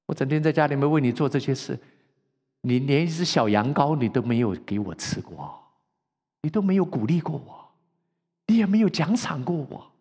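A sulking elder son who feels wronged pours out his grievances to his father, as a preacher acts him out in a sermon. His voice swings widely and is a little husky. A long reverb trails each phrase. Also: a little high, lively intonation, moderate pace, a little mellow. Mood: outraged. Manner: aggrieved, pleading, rising to outraged.

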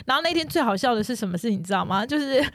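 A woman's voice: a little high, expressive, no room sound, clean studio sound. A woman in her thirties, a mother, telling parenting stories in a casual podcast chat. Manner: storytelling, quick and chatty. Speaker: podcast co-host.

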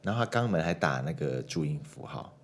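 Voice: very deep voice, expressive, fairly quick. A podcast host and English cram-school teacher, chatting casually, teasing and laughing often.

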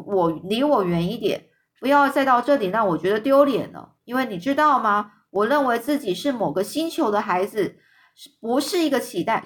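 A woman's voice: on the high side, fairly bright tone. A woman voicing a vain, cruel boy of about ten who speaks with scorn, in a children's storybook reading. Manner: scornful, contemptuous.

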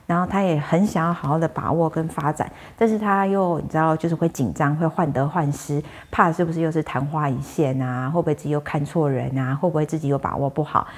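A woman's voice: low voice, fairly even intonation, fast, few pauses. A woman who works as a fortune teller and medium, telling viewers about a client's case in a chatty, conversational way full of fillers. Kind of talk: storytelling monologue to viewers.

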